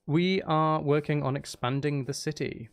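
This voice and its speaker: A streamer with a smooth, slightly high voice speaks at a moderate pace. Hosting a live game stream on his channel, he chats in a casual, playful way with his viewers and with himself.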